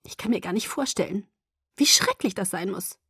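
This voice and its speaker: A woman's voice: medium pitch, expressive, moderate pace, pushed and bright, breathy edge, no room sound, exaggerated voice. Woman doing a bubbly teasing young vampire girl, airy voice, dry audiobook sound. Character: cheerful, lively young female vampire. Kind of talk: audiobook character voice.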